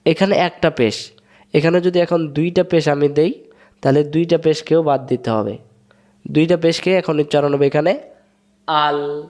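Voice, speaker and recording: Writing on a board in a room for the camera, a man with a Bangladeshi Bengali accent teaches Quran recitation, patiently repeating each rule and posing questions he then answers himself. His voice is fairly high and darkish, steady in tone, measured in pace, with frequent pauses.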